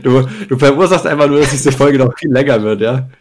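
A man's voice: mid-range voice, brisk, a little mellow, a little hiss or hum. A young man on a podcast, telling a rambling story in casual chat, with crude slang, laughing mid-sentence and tagging lines with "ne?". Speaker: podcast co-host.

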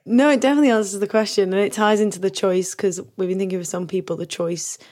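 A woman's voice: mid-range voice, steady tone, quick pace, a little mellow. A woman co-hosting a casual interview over a video call, chatty and laughing as she agrees.

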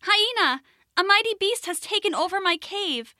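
A small timid rabbit with a high, pleading voice, as a woman puts her on. The storybook creature sounds small and anxious. The sound is dry and close. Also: lively intonation, moderate pace, bright, forceful tone, no echo, full character voice.

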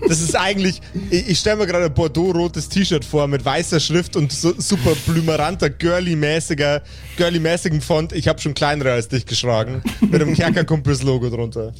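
Acting as game master, a man narrates an improvised tabletop game, inventing and describing the action in detail as he goes. His voice sits on the high side and moves briskly, with background music playing behind it and a little hiss or hum.

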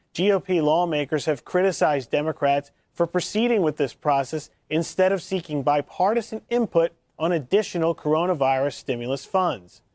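A man delivering a news report in a steady, even way. His voice sits a bit high and is recorded dry and close. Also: no echo. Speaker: news correspondent.

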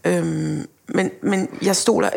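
Low-voiced woman chatting animatedly. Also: gravelly. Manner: animated, acts out quotes, laughs while talking. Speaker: film director, guest. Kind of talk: casual podcast conversation.

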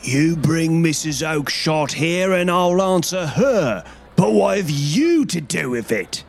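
A man voicing a blustering, angry male goose salesman who shouts threats. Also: fairly high pitch, very animated, slow, vocal fry, voice pushed up, full character voice.

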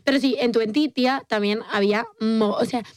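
A woman's voice: fairly high pitch, steady tone, fairly quick, darkish tone, clean tone, dry recording, clean studio sound. A young woman from Spain co-hosting a podcast in casual chat, talkative, laughing often and acting out quotes. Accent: Spain Spanish. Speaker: podcast co-host.

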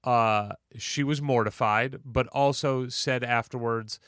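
A middle-aged man co-hosting a casual podcast, telling stories in a relaxed way. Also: medium pitch, slow, smooth, no room sound, clean studio sound. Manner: storytelling, relaxed. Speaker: podcast co-host.

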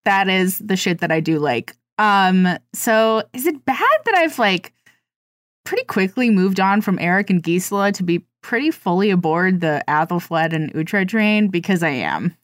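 A woman's voice: mid-range voice, expressive, normal speed, no room sound, clean studio sound. A woman co-hosting a casual fan podcast, joking and playful in her delivery. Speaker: podcast co-host.

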